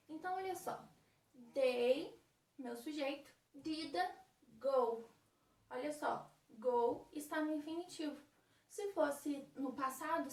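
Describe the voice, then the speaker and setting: A woman teaching English grammar as a recorded lesson, patiently explaining rules step by step and checking in with her students. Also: high voice. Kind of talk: recorded remote lesson for high-school students. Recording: echoey room, far from the mic.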